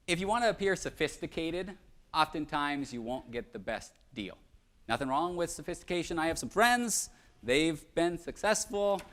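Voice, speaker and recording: A man's voice: fairly high pitch, a bit bright. Humorous young man giving a talk. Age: young adult. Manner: self-deprecating, humorous storytelling. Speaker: conference speaker. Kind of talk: live presentation.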